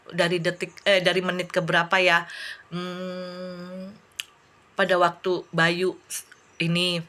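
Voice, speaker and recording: A woman gives an unscripted review in a crisp, forward tone. She meanders, backtracks and hunts for her words. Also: medium pitch, a bit bright. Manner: rambling, searching for words with many restarts. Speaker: host reviewing a film. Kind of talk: casual spoken review with religious reflection.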